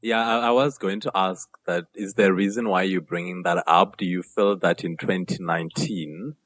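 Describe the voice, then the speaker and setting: A man hosting an interview podcast from a studio, asking questions in a measured, courteous way. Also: low-pitched, fairly even intonation, a bit bright, no echo. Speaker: podcast host.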